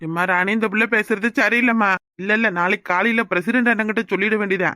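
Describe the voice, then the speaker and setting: A man voicing a smooth party fixer. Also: high-pitched, steady tone, fast, bright, forceful tone, no echo, clean studio sound. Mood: irritated. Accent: southern Tamil Nadu rural dialect. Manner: patronizing, persuasive. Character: smooth-talking middle-aged male party fixer. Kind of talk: cartoon voice acting.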